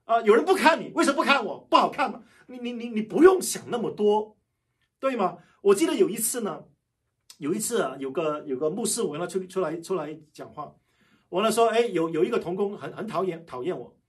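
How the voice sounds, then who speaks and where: Lively, high-voiced man preaching. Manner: lively, emphatic, repeats key phrases; talks loud and fast by his own account. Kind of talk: sermon with personal stories.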